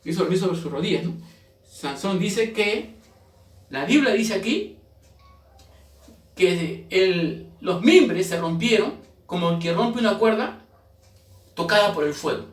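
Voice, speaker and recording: Pastor preaching in an echoey room. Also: male voice, sits high, lively intonation, unhurried, long pauses. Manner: storytelling, emphatic. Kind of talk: sermon. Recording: echoey room, mic far off.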